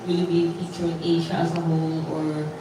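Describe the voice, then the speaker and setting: A woman's voice: low-pitched, completely flat delivery, fairly quick. A woman journalist asking rambling, apologetic questions at a press Q&A. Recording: echoey room, distant mic, noisy.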